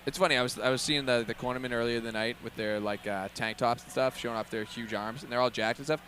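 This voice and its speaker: A man's voice: mid-range voice, fairly even intonation, fast talker, background noise. A man commentating on boxing in a chatty, wisecracking, slangy way. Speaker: fight commentator. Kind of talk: casual joking sports commentary.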